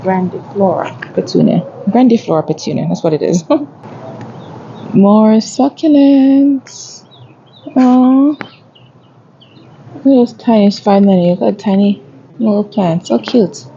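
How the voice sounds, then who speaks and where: Her medium-pitched voice is fairly quick, creaky and dark as she wanders a home improvement store's garden center, casually reading plant prices for her gardening vlog. Highs are cut off and there's slight background noise.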